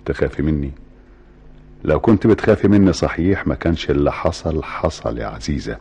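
Cold, bitter middle-aged Egyptian father, very deep and husky, brisk delivery, radio drama. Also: lively intonation, dark tone, exaggerated voice. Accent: Egyptian Arabic.

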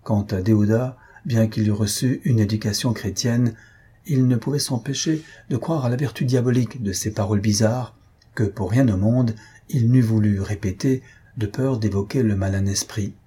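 Husky low-voiced male narrator. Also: normal speed, mellow. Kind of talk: audiobook narration.

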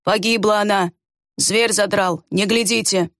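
A woman voicing a calm, grave male guard who speaks in a measured, thoughtful way. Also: medium pitch, no echo, clean studio sound, natural voice.

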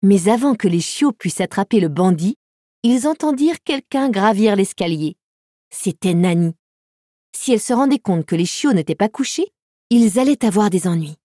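Brief: woman storyteller, warm dark tone, dry close studio sound. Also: mid-range voice, lively intonation, normal speed, no echo. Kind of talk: scripted audiobook narration.

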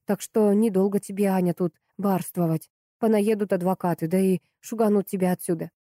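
A woman's voice: medium pitch, fairly even intonation, brisk, dark tone, dry recording, studio quality, natural voice. A woman reading an audiobook, voicing a sly, timid woman friend who falters when scared. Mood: sober.

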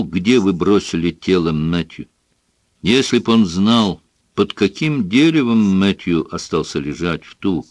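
A man voicing a calm, measured police inspector in an audiobook, speaking in a level tone. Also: low-pitched, no echo. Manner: level, even. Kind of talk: audiobook character voice.

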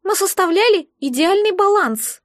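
A woman voicing a cheeky, chatty male magic egg with a squeaky, rude, boastful manner. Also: animated, moderate pace, no room sound, clean studio sound.

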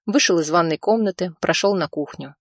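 Low-voiced woman reading a novel. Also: brisk, no room sound, clean studio sound. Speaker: audiobook narrator. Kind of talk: scripted narration.

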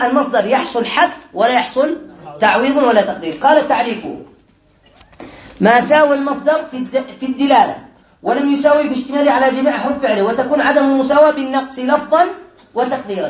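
Male sheikh, classroom teacher; high voice, teasing quizmaster, recorded far off in an echoey room. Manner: quizzes students, teasing and playful. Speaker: sheikh teaching Arabic grammar. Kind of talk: classroom lesson. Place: classroom with students.

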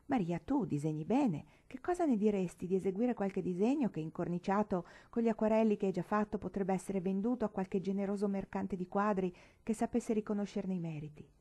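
A gentle, practical mother, as a woman reading a novel puts her on. She reasons calmly in a mellow, warm voice. A storybook parent, steady and sensible. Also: medium pitch, fairly quick, few pauses, lightly acted. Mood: calm reasoning. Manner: calm, reasoning.

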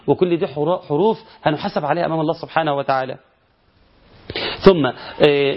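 A man with an Egyptian accent teaching Quran recitation, explaining common mistakes and chanting the verses slowly to show them. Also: on the high side. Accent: Egyptian Arabic. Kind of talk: recitation lesson. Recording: dull lo-fi recording.

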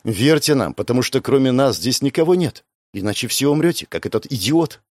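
A man's voice: medium pitch, lively intonation, a little fast, darkish tone, no echo, studio quality. A man voicing a cool, ruthless woman first mate who addresses a crowd firmly. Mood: commanding.

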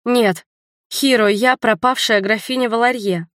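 A woman's voice: a little high, measured pace, a bit bright, no room sound, clean studio sound, voice pushed up. A woman voicing a spirited young runaway countess in an audiobook, speaking in a raised, emphatic way. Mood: indignant.

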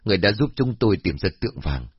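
A man voicing a calm, fair-minded elderly village man who explains and reasons with the others in a storybook reading. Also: fairly low pitch, fast, breathy edge, no echo. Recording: dull lo-fi.

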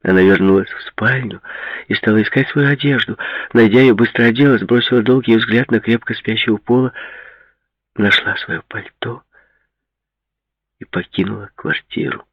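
A man narrates a novel in a measured, even reading, his lowish voice gravelly and husky. The booth sounds dry, with no room echo, and the recording is a little dull and lo-fi. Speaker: audiobook narrator. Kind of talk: scripted narration.

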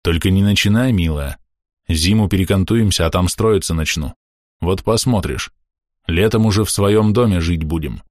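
A man playing a burly peasant father who is gruff but mild and tired. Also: low-pitched, normal speed, dry recording, clean studio sound, close to an everyday voice. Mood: weary.

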